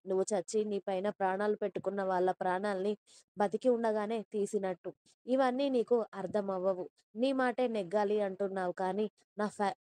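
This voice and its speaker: A woman's voice: medium pitch, mellow, clear, resonant tone, no room sound, close to an everyday voice. Woman voicing a stern, scolding young man. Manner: scolding, blunt. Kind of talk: audio story reading.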